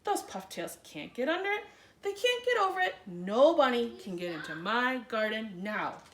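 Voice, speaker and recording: A woman voicing a stubborn, boastful, excitable male gardener from a storybook, emphatic and huffy. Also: fairly high pitch, normal speed, slight background noise, voice pushed down. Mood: defiant. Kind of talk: storybook character voice. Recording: roomy, echoey room sound.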